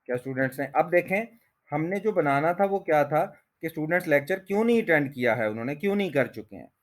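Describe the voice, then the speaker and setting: A man's voice: fairly high pitch, expressive. Male teacher reading examples word by word. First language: Urdu. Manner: reads example sentences word by word, slow and deliberate. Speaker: English teacher. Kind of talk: language lesson explanation.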